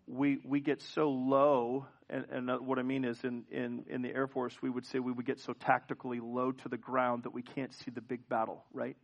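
A male pastor preaching a sermon in a church, asking the congregation questions and often restarting his sentences. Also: medium pitch. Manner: frequent restarts and repeated words. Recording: dull lo-fi church recording.

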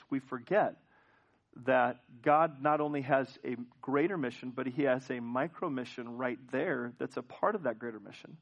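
A man's voice: medium pitch, gravelly. Man preaching a conversational sermon. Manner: conversational preaching, asks the congregation questions; frequent restarts and repeated words. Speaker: pastor. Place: church sanctuary with congregation. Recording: dull lo-fi church recording.

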